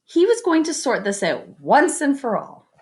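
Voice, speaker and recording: A woman reading a children's picture book aloud expressively, with chatty asides to her young listeners. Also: high-pitched. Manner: expressive, pauses to comment and invite predictions. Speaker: read-aloud storyteller.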